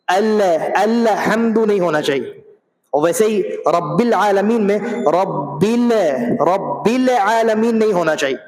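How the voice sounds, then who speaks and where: High-voiced man teaching in an echoey mosque. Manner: explains slowly and demonstrates sounds by repeating them. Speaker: mosque teacher of Quran recitation. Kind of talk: teaching Quran recitation in a mosque. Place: mosque prayer hall. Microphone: mosque microphone.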